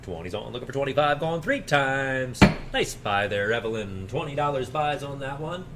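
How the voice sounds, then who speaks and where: A man's voice: medium pitch, lively intonation, moderate pace, heavy background noise. A man working as an auctioneer, running a repetitive chant of numbers with informal, chatty asides.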